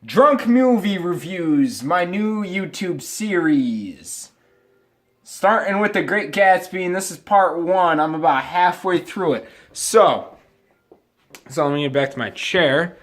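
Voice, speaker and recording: A man with a slightly high voice, drunk and getting drunker, talks through a movie review. He rambles, doubles back on his sentences and drops crude slang and swearing as he goes. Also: expressive, slow pace. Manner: rambling, loses his thread, restarts sentences; profane, crude slangy talk. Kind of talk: casual rambling film review to camera.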